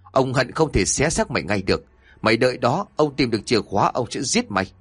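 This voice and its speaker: A man voicing a cruel, wealthy older master who uses curses, speaking in fast, menacing outbursts. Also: medium pitch, animated, husky, no echo, clean studio sound. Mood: furious. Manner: menacing, snarling, quick outbursts.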